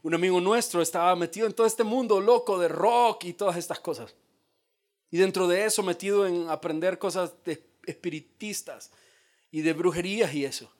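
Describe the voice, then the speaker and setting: A male pastor preaching a sermon in a dramatic style, dropping to a hush and then rising to shouts. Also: high voice, normal speed. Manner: dramatic, acts out quoted voices, swings from hushed to shouted.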